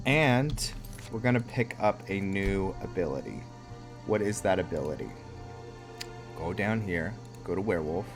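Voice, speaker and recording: Unhurried and animated, a deep-voiced man provides laid-back gameplay commentary for the roleplay series he hosts. He rambles and muses as he thinks out loud, frequently trailing off, while game music runs underneath.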